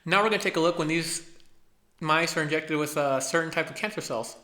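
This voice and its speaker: A young man with a lisp that slurs his s sounds, giving an informal, halting research presentation as a student presenter. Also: a little high, bright, forceful tone. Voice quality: lisp from braces, slushy s sounds. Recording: echoey room sound.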